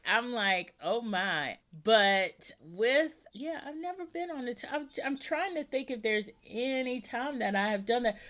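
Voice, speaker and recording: A woman's voice: a little high, a bit bright. A woman hosting a book podcast, chatting casually with a guest, rambling a little and laughing often. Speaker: podcast host. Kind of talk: casual interview chat.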